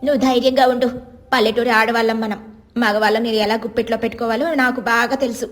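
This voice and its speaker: A woman's voice: fairly high pitch, steady tone, fast talker, lightly acted. A woman voicing a bossy, sly village neighbor woman giving scheming advice.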